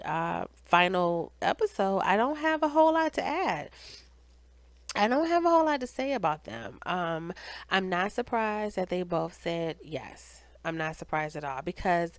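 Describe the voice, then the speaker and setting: A video reviewer and channel host gives a chatty, casual TV recap, talking straight to her viewers. Her mid-range voice sounds nasal and congested, as if from a cold or allergies, and there's no echo.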